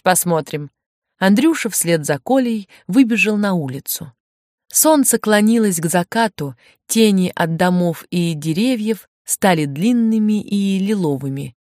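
A woman reading a story aloud as narrator, in an even, measured way. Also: mid-range voice, no room sound, studio quality. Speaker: audiobook narrator.

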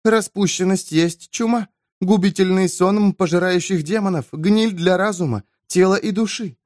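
A man voicing a young male preacher who lectures and rouses a crowd in a high, excitable voice. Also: moderate pace, dry recording, clean studio sound, natural voice. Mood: lecturing. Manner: preaching, rousing, high-strung.

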